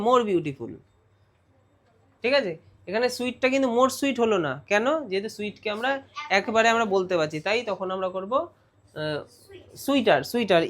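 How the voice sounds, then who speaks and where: A man's voice: high-pitched, fairly bright tone. A man with a West Bengal Bengali accent, a teacher giving an exam revision lesson and explaining step by step with frequent check-in questions.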